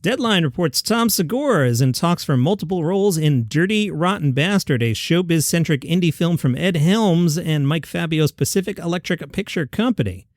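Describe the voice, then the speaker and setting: Hosting a comedy news podcast, a man reads the headlines and tosses in dry, offhand asides. His slightly high voice is expressive and a little worn, moving at normal speed with few pauses and no room sound.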